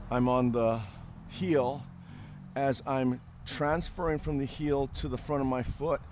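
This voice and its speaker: An older man speaks slowly and calmly, explaining a workout while he demonstrates it. He thinks aloud in short, unhurried phrases between movements. A faint background noise sits under his voice. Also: mid-range voice. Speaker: fitness coach.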